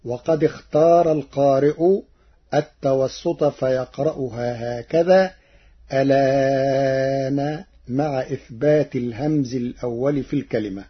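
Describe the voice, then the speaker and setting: A man teaching Quran recitation variants in a measured, methodical way, chanting short examples between his explanations. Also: medium pitch, slightly rough, highs cut off.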